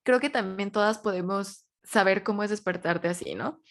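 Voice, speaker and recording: A woman's voice: mid-range voice, moderate pace. A young woman with a Mexican accent, co-hosting a podcast and casually recapping a romance novel in a chatty way, full of fillers. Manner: chatty, with many fillers like "o sea" and "como que". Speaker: podcast co-host. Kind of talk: casual chat recapping a book.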